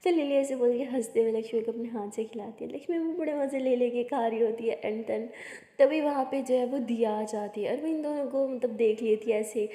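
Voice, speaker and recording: A woman's voice: on the high side, brisk, warm tone. A woman with an Indian accent narrating a story in a chatty, casual way, mixing in English words. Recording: echoey room with long reverb.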